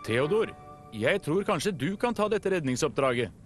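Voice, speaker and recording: A man's voice: on the high side, big pitch swings, pitched above the performer's own voice. A man voicing a worried harbour traffic chief who gives firm, careful instructions. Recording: music playing behind.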